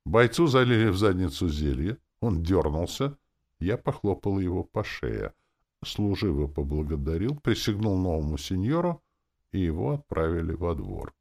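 A man's voice: sits low, very animated, normal speed, creaky, darkish tone. A man narrating a fantasy audiobook in the first person, dry and offhand in tone.

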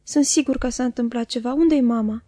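A woman's voice: on the high side, dark tone, no echo, natural voice. Woman doing a frightened pleading boy. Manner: urgent, pleading questions.

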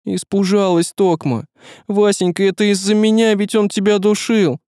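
A man's voice: high-pitched, steady tone, moderate pace, warm tone, no room sound, clean studio sound, voice pushed up. A man voicing a young village girl who talks in old rustic folk speech, anxious and near tears. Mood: tearful, guilty.

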